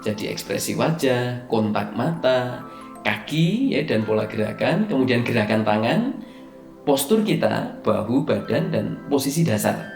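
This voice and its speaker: A man's voice: medium pitch, animated, measured pace, a little mellow. A man teaching presentation skills over slides, explaining with hesitant fillers and stressing key words. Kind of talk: recorded slide lecture. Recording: echoey room, faint music underneath.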